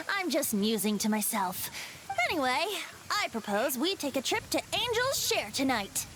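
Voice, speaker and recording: A woman's voice: high-pitched, big pitch swings, unhurried, background noise. A woman voicing a playful, musing young bard in a video game, light and teasing.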